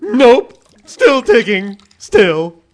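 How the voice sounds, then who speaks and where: A man playing a mad, excitable hatter in live audio theatre, with a theatrical, exclamatory, whimsical delivery and absurd logic. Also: very high voice, very slow, full character voice. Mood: indignant, nonsensical.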